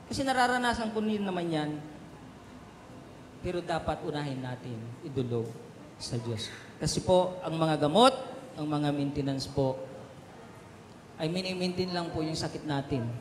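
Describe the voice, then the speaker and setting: A male pastor preaching a sermon and telling stories with fillers, swinging from soft asides to loud emphatic peaks. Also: a little high, normal speed, pauses often. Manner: storytelling with fillers and Taglish asides. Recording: echoey hall with faint noise.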